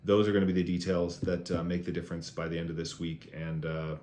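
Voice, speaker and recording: A man's voice: low voice, completely flat delivery, fast, a little mellow. A man, a fitness coach, giving a casual weekly training review in a conversational, encouraging way, with lots of fillers.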